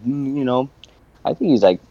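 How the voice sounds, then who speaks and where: A young man hosts a casual podcast and tells a story. His voice swings widely in pitch. He swears freely and laughs through the telling, with a mid-range voice. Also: unhurried, dull audio. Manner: animated, profane, laughing storyteller. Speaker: podcast host.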